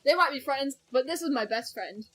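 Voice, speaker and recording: A young woman talks her way through a reaction video with a friend, rambling and often correcting herself mid-thought. Her voice sits a bit high, and faint music runs in the background. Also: animated, a little fast, fairly bright tone, low-quality recording. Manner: chatty and rambling, with sudden laughs and self-corrections. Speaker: video reactor, channel host. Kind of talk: casual reaction chat with a friend.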